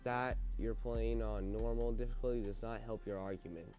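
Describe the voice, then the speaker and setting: A man's voice: lowish voice, steady tone, normal speed, darkish tone, soft background music, close to an everyday voice. Bored, blunt teenage boy acted by a man. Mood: discouraged. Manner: unimpressed, blunt. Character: bored, dismissive teenage boy narrating his own story. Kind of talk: game story read aloud.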